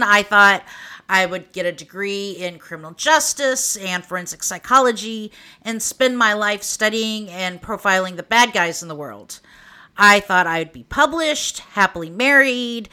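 This Oklahoma-born podcast host, around forty, speaks in a mid-range voice with lively intonation, a measured pace and a sharp edge. Her Okie accent carries a wry, candid, casual monologue for her true crime show.

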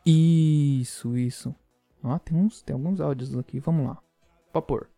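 A man's voice: a little high, a little slow, creaky, mellow, no echo, soft background music. A man hosting a casual podcast, joking with and teasing his listeners. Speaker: podcast host.

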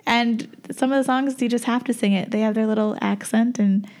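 A woman's voice: a little high, fairly even intonation, a little fast, a little mellow. A woman co-hosting a podcast in casual chat, chatty, enthusiastic and playful. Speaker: podcast co-host.

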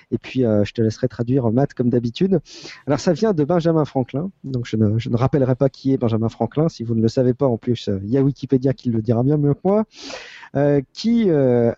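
A man from France hosting a podcast, steering the talk in a relaxed, polite way; the audio is slightly muffled. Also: mid-range voice, no room sound. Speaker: podcast host.

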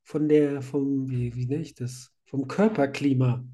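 Chatty and rambling, a German man in his thirties hosts a casual podcast while nursing a cold, laughing frequently; he also works as a site manager. He speaks at a measured pace in a dark, mid-range voice with fairly even intonation.

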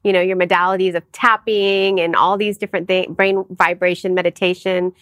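A middle-aged woman, a guest in a casual interview, telling a personal story in an animated way and acting out the voices of others. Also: fairly low pitch, fairly quick, no echo.

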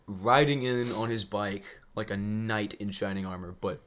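A man's voice: lowish voice, normal speed, fairly bright tone, slight background noise. A young man co-hosting a podcast, telling a story in casual chat, acting out quotes and laughing often. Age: young adult. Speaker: podcast co-host.

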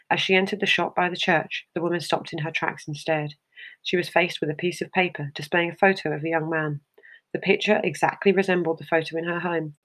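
Narrator, short story reading, steady measured delivery, mid-range pitch.

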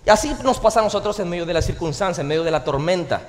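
A man preaching a sermon as pastor, animated and full of jokes, in a church hall. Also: high-pitched, very fast, slight background noise. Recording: reverberant hall, faint ambience.

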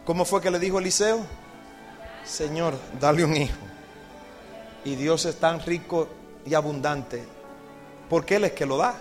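A man's voice: on the high side, unhurried, long pauses. Dramatic preaching man, faint music. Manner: dramatic storytelling, acting out quotes and questioning the congregation. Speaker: pastor. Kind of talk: evangelistic sermon. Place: church service with congregation.

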